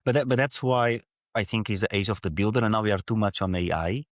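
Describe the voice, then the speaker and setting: A man's voice: lowish voice, fast, no room sound, clean studio sound. A man from Portugal with a Portuguese accent, a podcast guest explaining his ideas earnestly and at length in run-on thoughts. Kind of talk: conversational interview.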